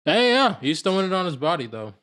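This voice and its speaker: A man's voice: sits high, big pitch swings, quick pace, a bit bright, smooth. A man co-hosting a podcast, bantering casually in a laid-back, teasing, slangy way. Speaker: podcast co-host. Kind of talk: casual banter about fashion and basketball.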